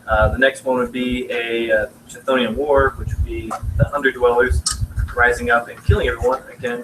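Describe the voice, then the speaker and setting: A young man casually pitches his game during a live presentation, speaking haltingly and filling gaps with fillers. He was picked up by a distant mic in a noisy room.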